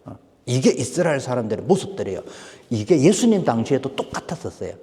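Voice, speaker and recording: A man preaching to his congregation, his voice swinging widely from loud peaks to hushed drops. The tone is mellow and dark, and the long reverb of a large church hall trails behind every phrase. He keeps asking his listeners questions as he preaches. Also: medium pitch, sing-song, fast. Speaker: pastor. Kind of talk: sermon. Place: church sanctuary.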